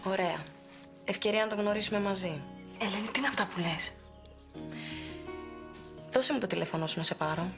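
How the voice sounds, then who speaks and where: An actress playing a lively young woman who welcomes visitors in a chatty, bossy way. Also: medium pitch, pauses often, music in the background, natural voice. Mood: welcoming.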